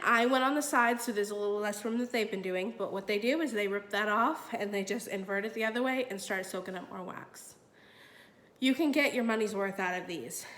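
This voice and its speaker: A woman's voice: medium pitch, a bit bright, echoey room. A woman with a stuffy, nasal voice chatting casually as she demonstrates products in a vlog, with frequent fillers. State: stuffy nose. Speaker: product review vlogger.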